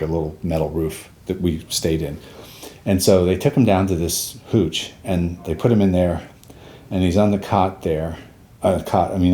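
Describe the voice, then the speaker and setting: A man in his sixties, a war veteran, recalling his past in a halting way, with restarts and trailing pauses. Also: deep voice, mellow, a little hiss or hum. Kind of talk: personal recollection.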